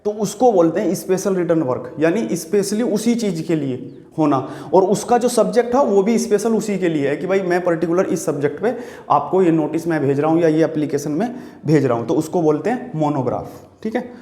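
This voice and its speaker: A man with an Indian accent teaches exam-prep vocabulary, repeating each word and quizzing the viewer while writing on a board and patiently explaining. His fairly high voice is mellow and dark, he talks a little fast, and the room echoes.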